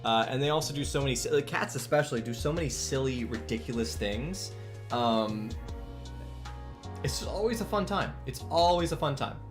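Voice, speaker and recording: On his live art stream, the twenty-something man talks animatedly at a moderate pace in a medium pitch, drawing as he chats. He rambles, often restarting and using fillers, chuckles a lot, and faint music plays behind him.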